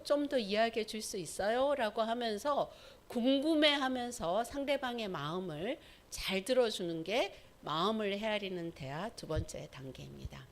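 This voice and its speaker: A woman's voice: medium pitch, a bit bright. A woman, a pastor's wife, teaching a church Sabbath school class. She asks the audience questions, says "예" between points, and acts out short everyday dialogues as examples.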